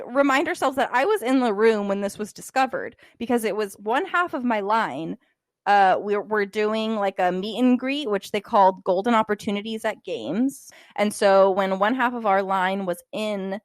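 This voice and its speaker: A young woman co-hosts a casual podcast, talking in an animated way full of "like" and fillers. Her pitch sits in the middle of the range. The recording is dry and close. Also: no room sound. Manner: animated, filler-heavy, lots of "like". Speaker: podcast co-host.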